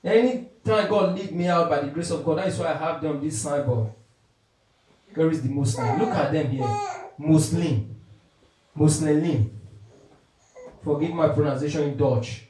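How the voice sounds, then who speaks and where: A man's voice: fairly high pitch, brisk, darkish tone. A man preaching a sermon with emphatic call-and-response, quoting scripture. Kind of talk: street sermon. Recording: echoey, from far off the mic.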